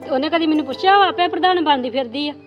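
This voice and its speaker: A woman playing a jealous, nagging mother-in-law in a Punjabi village drama, taunting and quick. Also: high-pitched, lo-fi sound, faint music behind, lightly acted. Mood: scolding. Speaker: actor in family drama.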